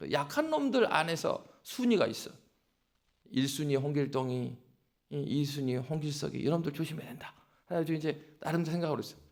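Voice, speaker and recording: A male pastor preaching a dawn sermon with animated storytelling and exhortation. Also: fairly high pitch.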